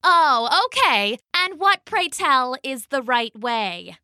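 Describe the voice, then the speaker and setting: A warty frog lady in a storybook, sarcastic and skeptical, her voice pitched up and lively, as a woman reads her. She keeps a bright, sharp edge on every retort. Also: dry recording, studio quality, exaggerated voice. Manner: sarcastic, quick and high.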